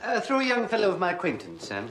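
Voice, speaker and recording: An actor playing a formal, unflappable gentleman's valet who speaks in a measured, deferential way. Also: high-pitched, wildly swooping pitch, heavy background noise.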